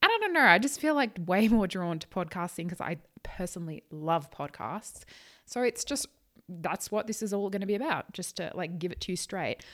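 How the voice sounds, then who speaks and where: A woman's voice: medium pitch, very animated, moderate pace, a bit bright. A woman talking casually on a solo podcast, chatty and a little nervous, stumbling over her words and rephrasing as she goes. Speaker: podcast host, psychic channel.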